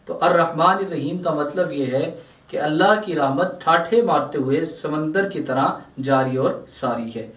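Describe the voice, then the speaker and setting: A man's voice: on the high side, fairly bright tone, far from the mic. Man teaching the Quran in an echoey room. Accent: Pakistani Urdu. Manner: recites Arabic verses, then explains word by word. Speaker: Islamic scholar teaching Quran translation. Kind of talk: religious lesson explaining verses.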